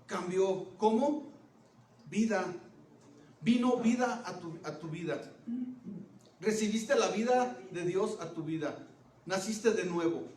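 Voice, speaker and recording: A male preacher with a high voice delivers a sermon, often asking the congregation questions and checking they follow along. He swings between loud, emphatic phrases and hushed, low ones. He is picked up from a distance in an echoey church room with faint noise behind him. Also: expressive, slow, long pauses. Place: church hall.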